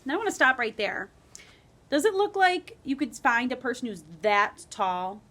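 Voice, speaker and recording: Reading a story to a grade school class, a woman brings it to life with big pitch swings in her high, somewhat bright voice, keeping a moderate pace. She adds chatty asides and questions as part of the read-aloud lesson.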